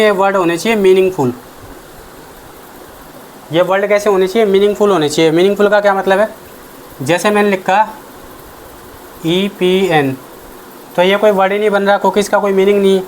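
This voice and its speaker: A man's voice: high-pitched, slight background noise. A man giving an exam-prep grammar lesson as the teacher, explaining step by step and answering his own questions. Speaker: English teacher.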